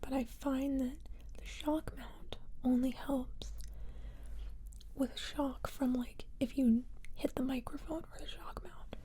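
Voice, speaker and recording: Whispering woman, close-up ASMR, unhurried and mellow. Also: sits high, steady tone. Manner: soft whispering close to the ear. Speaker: ASMR video creator. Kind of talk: whispered ASMR ramble, casual chat. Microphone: close ear-to-ear microphones on a desk boom arm.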